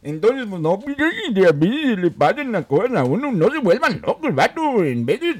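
A man's voice: high-pitched, sing-song, moderate pace, dry recording. A man voicing Don Machín, a crude, joking Mexican character with a Mexican accent who tells rambling, foul-mouthed stories. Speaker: comic guest character.

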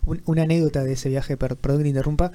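A male co-host who speaks rapidly at a somewhat raised pitch. He cuts in eagerly with teasing asides in casual podcast chat. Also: steady tone, mellow.

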